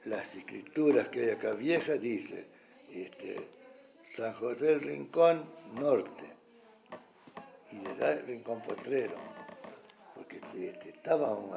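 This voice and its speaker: A man's voice: lowish voice, animated, slow pace, creaky, long pauses, a little mellow. A man, a local resident who talks hesitantly and searches for words in a documentary interview. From Argentina.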